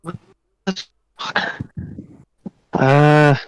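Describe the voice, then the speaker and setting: A man's voice: a little high, very slow. A man playing a tabletop game over a voice call, his voice turned robotic and glitchy by a bad connection. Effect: robotic glitchy distorted voice from a bad connection. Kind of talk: casual chat over an online call.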